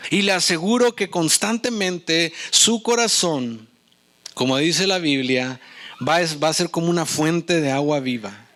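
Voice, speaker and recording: A man's voice: on the high side, animated, a little slow, fairly bright tone. Earnest male pastor preaching. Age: adult with young children. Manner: earnest preaching, asks the congregation questions. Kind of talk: sermon.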